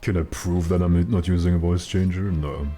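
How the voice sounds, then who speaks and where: Deep dark voiced guy, kinda husky, joking around with chat on a game stream, music behind. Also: steady tone, moderate pace. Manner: joking, mock-serious banter. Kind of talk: casual chat with stream viewers while gaming.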